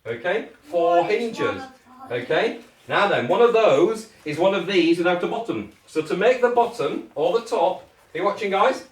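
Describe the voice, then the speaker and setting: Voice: mid-range voice, animated, moderate pace. A British kids' party magician giving step-by-step instructions to children in encouraging, jokey patter, often checking with short questions. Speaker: children's party magician leading a craft activity. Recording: echoey room, distant microphone.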